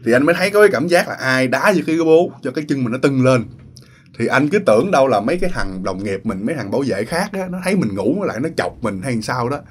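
A man's voice: medium pitch, big pitch swings, fast, slight background noise. A man telling a ghost story in a casual way, acting out the voices of the people in it and talking straight to his listeners. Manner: acts out quoted voices, talks straight to listeners.

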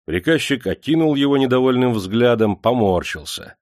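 A man reading an audiobook in steady, measured scripted narration. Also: medium pitch, no echo, studio quality.

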